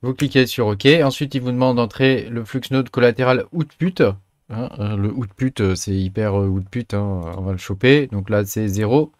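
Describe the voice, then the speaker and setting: Man, casual tutorial voice-over, lots of filler sounds, dry close sound, mid pitch. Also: moderate pace, darkish tone, no echo. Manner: chatty, many filler sounds. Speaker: tutorial host. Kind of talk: screen-recorded software tutorial.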